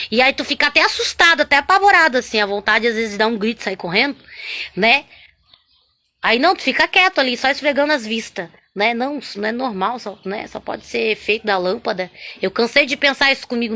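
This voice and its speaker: A woman sharing a spoken religious testimony, chatty and animated, constantly tagging her sentences with little questions to the listener. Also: on the high side. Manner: chatty, constant "né?" and "sabe?" tags; animated, swings between loud and hushed.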